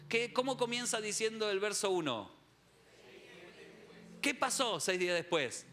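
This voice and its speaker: A man's voice: high voice, measured pace, slight background noise. A man preaching a humorous youth sermon in a church hall, acting out scenes and quizzing the audience. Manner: animated, jokey, acts out scenes, quizzes the audience.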